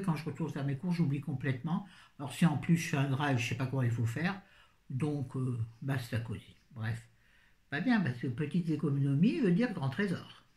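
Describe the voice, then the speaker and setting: A woman's voice: sits low, mellow. A middle-aged woman chatting casually through a grocery haul, rambling with self-mocking asides. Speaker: vlogger. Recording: echoey room.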